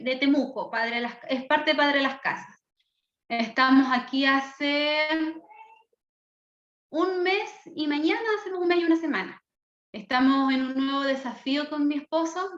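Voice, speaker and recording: A Chilean woman in her thirties speaks with fervent, earnest enthusiasm as a Bible teacher. Her voice sits high. The sound is dull and rings around a reverberant room. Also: fairly bright tone. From southern Chile. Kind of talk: online class introduction.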